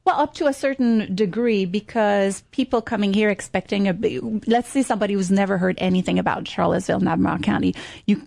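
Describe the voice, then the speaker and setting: Speaking quickly in a mid-range, slightly mellow voice with vocal fry, a middle-aged French Canadian woman from Quebec discusses tourism eagerly as a marketing guest. It's a conversational interview in her second language, English, peppered with fillers, and there's no room sound.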